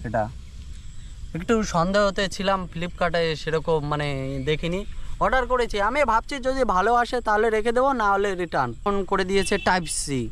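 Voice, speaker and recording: Speaking in a high-pitched, slightly bright, clean voice, this young man from rural India vlogs about motorcycles in an informal, friendly style, as in an unboxing clip. He keeps repeating filler phrases, with outdoor noise in the background.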